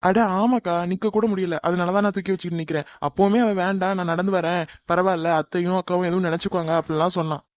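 A man's voice: high voice, flat delivery, quick pace, highs cut off, lightly acted. A man voicing a flustered young man in a cartoon, defensive and explaining in a hurry. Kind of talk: animated cartoon dub.

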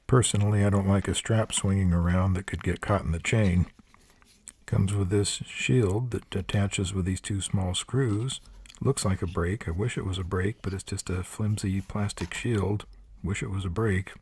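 Older male tool reviewer, very low and gravelly, plain-spoken and practical, faint noise behind. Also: steady tone, normal speed, a little mellow. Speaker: product reviewer. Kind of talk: hands-on product review narration. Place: workshop table.

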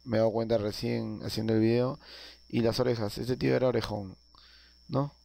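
This casual game tutorial voice-over comes from a man with a mid-range, mellow voice, level in tone with vocal fry, speaking fairly quickly. He talks through each step, leaning on filler sounds and tag questions, with no room sound in the recording.

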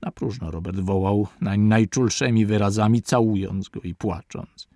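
A man narrating a classic adventure novel aloud in a measured literary reading. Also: fairly low pitch, mellow, no room sound, studio quality. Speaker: audiobook narrator.

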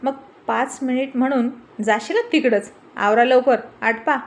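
A woman voicing a bossy, quick-witted village man who orders hotel staff around, scolding and teasing in a commanding tone. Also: sits high, steady tone. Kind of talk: storybook reading with character voices.

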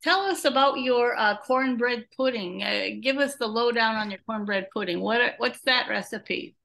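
Woman host, high and bright, upbeat interviewer on a video call. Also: moderate pace, vocal fry. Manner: upbeat, laughs often, asks short questions. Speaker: podcast host.

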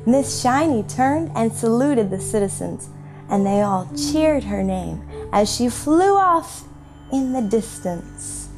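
An actress playing a gentle mother reading a bedtime story, soft and unhurried. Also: fairly high pitch, animated. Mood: storytelling. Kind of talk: film drama acting. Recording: music behind.

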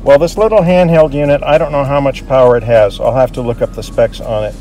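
Recorded with poor audio and music underneath, a roughly fifty-year-old American man talks a bit quickly at a medium pitch with fairly level intonation. He's a vlogger casually walking through his Jeep radio gear, thinking aloud, outside by a vehicle and within a truck cab.

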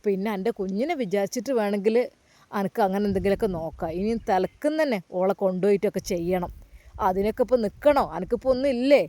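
A man's voice: high voice, fast, mellow, dry recording, natural voice. A woman voicing a kindly elderly male mosque caretaker who coaxes a grieving young man with tender questions. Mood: firm lecturing. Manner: coaxing, repeats tender address, many questions.

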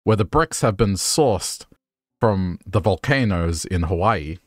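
A man voicing a pompous aristocratic gentleman duke with a slow, stately posh delivery. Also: deep voice, animated, no echo, studio quality, heavily acted.

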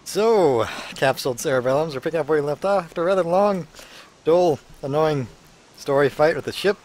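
A man's voice: fairly high pitch, very fast. A man giving casual video game playthrough commentary, with wry, grumbling, rambling asides. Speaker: gameplay commentator. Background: game ambience.

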